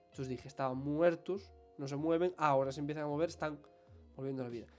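A young man co-hosting a podcast, voice sitting a little high as he tells an anecdote with animated energy. He is talking casually with his friend. Soft music plays faintly behind him. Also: quick pace. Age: young adult. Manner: animated storytelling, self-conscious about his accent. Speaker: podcast co-host. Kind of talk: casual chat.

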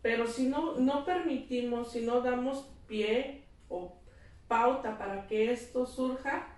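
A woman's voice: a little high, slow, a little mellow. A middle-aged woman talking earnestly about parenting, explaining and acting out what children say. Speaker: child therapist guest. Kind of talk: casual conversation. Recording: echoey room, mic at a distance.

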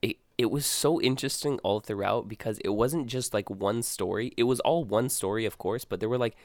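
A man's voice: fairly low pitch, a little fast, no room sound. A young man co-hosting a podcast, chatting loosely, calling his co-host dude and often restarting his sentences. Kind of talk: casual chat.

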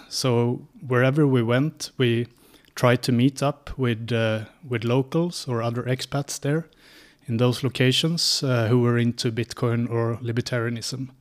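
Swedish man in his thirties, native Swedish speaker, interview guest, methodical delivery, frequent filler pauses, mid-pitched voice. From Sweden. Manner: steady, methodical telling with many "uh" pauses. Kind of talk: casual interview answers.

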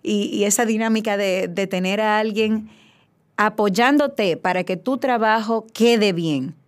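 A woman's voice: medium pitch, unhurried, clear, resonant tone. A woman, an actress chatting enthusiastically as a guest in a radio interview. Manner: effusive, enthusiastic.

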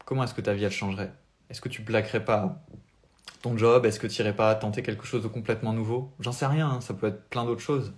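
A man's voice: fairly low pitch, steady tone, a little fast. A young French man with a French accent, a spiritual life coach giving an earnest, motivational talk on a live stream without notes.

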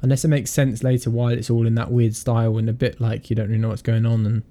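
A man's voice: mid-range voice, level tone, quick pace, mellow. A man hosting a casual podcast chat, joking, laughing often and restarting his sentences. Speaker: podcast host.

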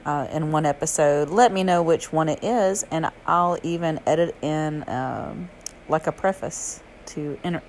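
Low-voiced woman with a Southern drawl. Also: unhurried, a little mellow, slight background noise. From Alabama, southern United States. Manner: southern drawl with regional slang. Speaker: podcast host and yoga and fitness teacher. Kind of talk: chatty solo podcast talk.

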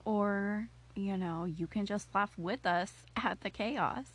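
A woman's voice: mid-range voice, slow pace, slightly rough. A woman co-hosting a podcast, playful and teasing but earnest when she turns serious. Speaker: podcast co-host. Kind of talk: casual chat.

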